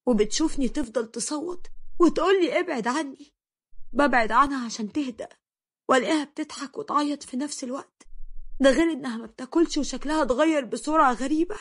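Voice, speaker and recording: A woman's voice: high voice, quick pace, natural voice. A woman with an Egyptian accent voicing a worried young husband, speaking anxiously and tenderly.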